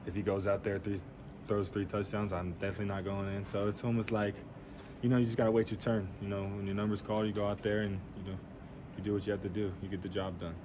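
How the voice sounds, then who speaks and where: A man's voice: lowish voice, level tone, fast, noisy background. A young man, a college quarterback, answering reporters' questions after a game, plain-spoken with many fillers, in a weight room. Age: young adult. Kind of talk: postgame press Q&A. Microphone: handheld reporter mics.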